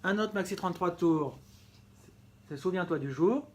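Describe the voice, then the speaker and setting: A man's voice: sits high, normal speed. Man eagerly showing his records. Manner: enthusiastic, repeats words, corrects himself often. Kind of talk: casual show-and-tell vlog.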